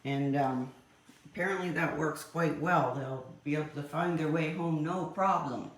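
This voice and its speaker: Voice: medium pitch, normal speed, echoey room. A cat vlogger chatting casually to camera at home, laughing often and talking to the cats.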